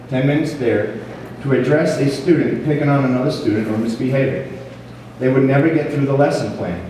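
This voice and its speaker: A man's voice: medium pitch, dark tone. A man giving an earnest, formal prepared speech as the leader of a program. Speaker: police officer speaking as program leader. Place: large echoing hall at a school ceremony. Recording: echoey hall from far off, faint noise.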